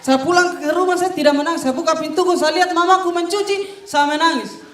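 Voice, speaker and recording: A man from Wakatobi, doing a stand-up comedy routine with deadpan storytelling that builds to punchlines. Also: very high-pitched, fast, noisy background. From Wakatobi, Southeast Sulawesi, Indonesia. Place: comedy stage before a live audience. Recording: roomy live venue, distant mic, audience laughter.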